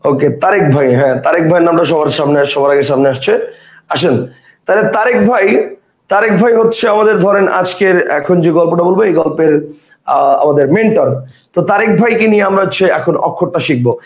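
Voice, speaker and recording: High-voiced man teaching class. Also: normal speed, roomy sound. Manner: lively, repeats points, asks the class questions. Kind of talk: classroom grammar lecture.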